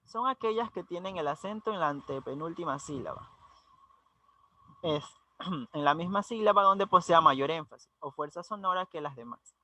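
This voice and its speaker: A man's voice: high-pitched, bright, forceful tone. A young man giving a student class presentation, reading out definitions and lists of example words with uneven emphasis. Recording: dull lo-fi sound.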